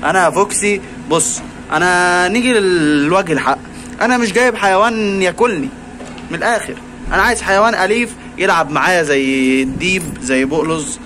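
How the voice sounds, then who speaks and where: A man's voice: high voice, fairly quick, bright, forceful tone, slight background noise. Chatty Egyptian man coaxing a pet fox. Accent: Egyptian Arabic. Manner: playful, teasing, coaxing. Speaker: vlogger. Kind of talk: casual vlog talking to a pet fox.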